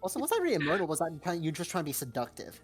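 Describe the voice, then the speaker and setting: A woman jokes crudely and teases her friends in a casual podcast chat, laughing often. Her voice sits very low, but it swings widely up and down. Faint music plays behind her. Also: wildly swooping pitch, racing.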